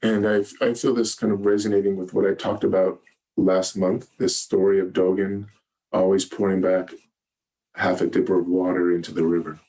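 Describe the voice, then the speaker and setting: Zen teacher, male, lowish voice; gentle, halting dharma-talk delivery with many pauses. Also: little pitch movement. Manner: gentle, halting, searching for words. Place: meditation hall.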